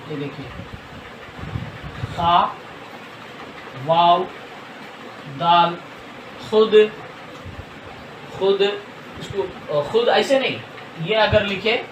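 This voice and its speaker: A man's voice: high-pitched, fairly bright tone, far from the mic, a little hiss or hum. Patient man teaching Urdu spelling. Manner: spells words out letter by letter, patient explanation. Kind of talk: lesson. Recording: roomy echo, off-mic.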